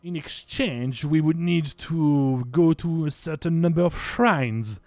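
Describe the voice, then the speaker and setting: A man voicing a solemn, wary woman who guards the clans, speaking slowly and with hesitant pauses. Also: fairly high pitch, darkish tone, no room sound, faint music behind. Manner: slow, measured, hesitant.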